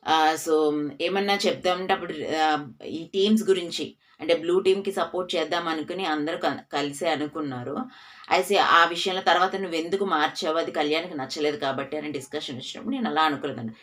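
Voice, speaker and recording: Woman presenter, low register, emphatic recap narration for a reality-show news channel. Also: fairly quick, fairly bright tone. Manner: emphatic, heated retelling.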